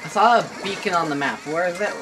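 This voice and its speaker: A man giving casual, excitable play-by-play as he plays a video game, rambling and laughing often. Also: high voice, quick pace. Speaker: gaming channel host. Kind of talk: casual gameplay commentary. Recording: game music playing under the voice. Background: video game music.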